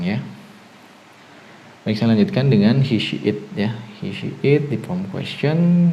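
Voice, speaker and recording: A man teaching an online English grammar lesson with an Indonesian accent, explaining step by step and ending nearly every phrase with a quick "ya". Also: on the low side, vocal fry, warm tone, lo-fi sound, slight background noise.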